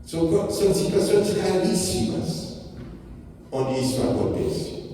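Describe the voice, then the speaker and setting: A man's voice: on the high side, measured pace, mellow, slight background noise. A priest giving a reflective homily, speaking directly to his congregation in a church. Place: church with a sacristy. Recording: echoey church from far off.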